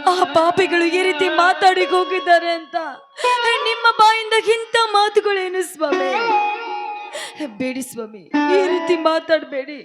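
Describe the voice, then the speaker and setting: A woman's voice: very high-pitched, measured pace. A stage actress playing a devoted wife who pleads with and consoles her husband. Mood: pleading. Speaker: stage actor. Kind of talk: folk stage drama acting. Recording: live stage with loud music.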